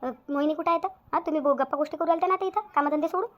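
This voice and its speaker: A woman's voice: high voice, rapid-fire, natural voice. A woman voicing a fussy, demanding older aunt in a cartoon, nagging and scolding. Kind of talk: cartoon voice acting. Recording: dull lo-fi audio.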